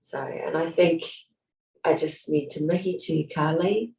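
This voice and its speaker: Older NZ woman, heartfelt and halting, low voice; distant echoey call audio. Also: fairly even intonation, vocal fry, darkish tone. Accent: New Zealand. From New Zealand. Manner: heartfelt, halting, searching for words. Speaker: programme participant. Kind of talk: emotional reflective sharing. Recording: roomy, distant from the mic.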